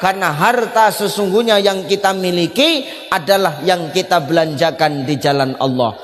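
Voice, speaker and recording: A male preacher giving a humorous sermon, animated and joking, often putting questions to the audience. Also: sits high, moderate pace. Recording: long reverb in a hall.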